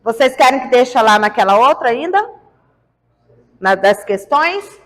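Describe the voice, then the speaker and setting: A woman's voice: a little high, lively intonation, unhurried, long reverb tail. A woman teaching biology, running a quiz with her class and coaxing answers out of the students in a playful way. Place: large classroom.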